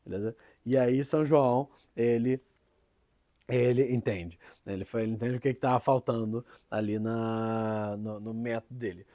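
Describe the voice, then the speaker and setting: A man's voice: mid-range voice, fairly even intonation, moderate pace, warm tone, dry recording. Chatty Brazilian man teaching, dry sound. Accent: Brazilian Portuguese. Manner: chatty, tags many phrases with "né?" and restarts often. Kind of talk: informal teaching talk.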